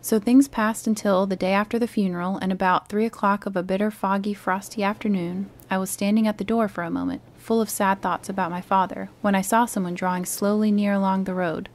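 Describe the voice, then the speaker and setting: A woman reading a classic adventure novel aloud in a calm, soothing manner. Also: medium pitch, brisk, few pauses. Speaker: storyteller.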